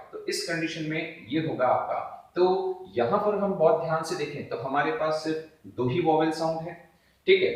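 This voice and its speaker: A man teaching English syllables in Hindi as a video lesson, talking to viewers as friends, asking and answering his own questions, drawing example words out slowly. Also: on the high side. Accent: Indian, speaking Hindi. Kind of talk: classroom-style video lesson. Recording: very echoey room, voice from a distance.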